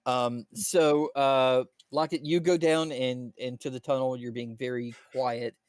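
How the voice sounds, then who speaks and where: A man runs a tabletop game for his players, stumbling through his scene descriptions with plenty of fillers and restarts. His voice sits at a middle pitch, and the sound is close and dry, with almost no room echo. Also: steady tone, clean tone. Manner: halting, full of fillers and restarts. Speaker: dungeon master.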